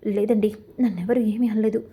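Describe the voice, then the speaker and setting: A woman's voice: mid-range voice, steady tone, fairly quick, warm tone, breathy edge. A woman voicing a young wife who firmly stands up for her husband, in her own everyday voice.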